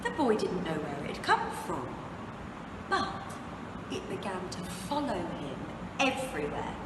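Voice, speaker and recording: A woman reading a children's storybook aloud expressively, with dramatic phrasing and deliberate pauses for young listeners. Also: lowish voice, big pitch swings. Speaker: English teacher reading a picture book aloud. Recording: echoey, reverberant room, distant mic, noisy background.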